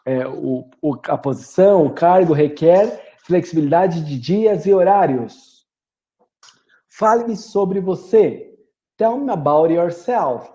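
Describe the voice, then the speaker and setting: A man in his thirties with a Brazilian Portuguese accent, teaching an online lesson and repeating phrases slowly with many fillers. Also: fairly high pitch, lively intonation, mellow, highs cut off. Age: 30s. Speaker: English teacher. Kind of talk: online lesson with screen share.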